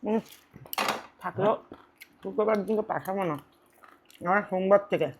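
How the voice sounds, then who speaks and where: A woman's voice: mid-range voice, moderate pace, husky. A woman in her thirties chatting casually on her home eating show, teasing and bickering playfully. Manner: swings between soft reflective and loud animated. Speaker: mukbang vlogger.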